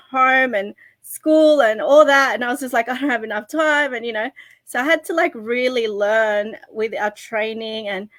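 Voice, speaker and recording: A woman's voice: on the high side, fairly bright tone, dry recording. A woman from Australia, a business owner in her thirties, talking casually on a panel with many fillers. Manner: chatty, lots of fillers like "you know" and "like".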